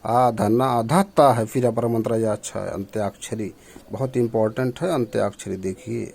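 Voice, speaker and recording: A man's voice: on the low side, fairly even intonation, moderate pace, gravelly, a little mellow. A male teacher going through exam questions on correct usage, explaining each answer step by step. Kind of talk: exam prep lesson.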